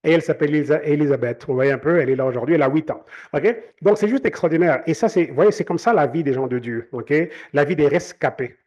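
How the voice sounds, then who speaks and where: Male preacher in his thirties, Canadian French accent, halting sermon delivery, habitual "ok?". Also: fairly high pitch, animated, a little mellow, muffled recording. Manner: repeats "ok?" often, stammers and restarts. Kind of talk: sermon-style teaching.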